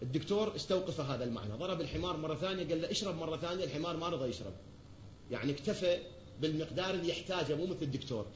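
This pulpit sermon comes from a man with an Iraqi Arabic accent whose fairly high voice races along animatedly. He emphatically throws rhetorical questions at his listeners, then supplies the answers. Recorded in an echoey large hall, the audio is dull and lo-fi, with slight background noise.

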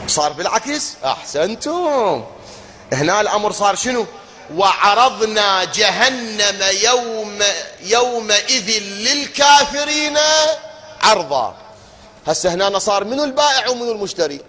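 A man with an Iraqi accent giving a religious lecture to an audience, firing rhetorical questions, chanting verses slowly and breaking into shouts. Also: sits high, slight background noise. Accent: Iraqi Arabic. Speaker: preacher. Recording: long reverb of a hall.

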